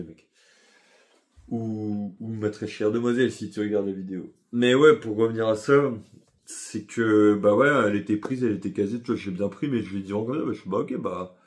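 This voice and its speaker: A man's voice: on the low side, a little mellow. Young man rambling through a casual story. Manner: rambling, slangy, with frequent fillers and self-corrections. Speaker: vlogger.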